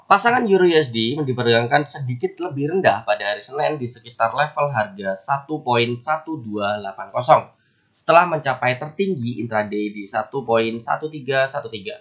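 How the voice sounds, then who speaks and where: A man sounding blocked up and nasal from a cold hosts casual forex analysis to camera, chatty and friendly with his viewers and prone to repeating words. He talks fairly quickly in a mid-range, slightly bright voice.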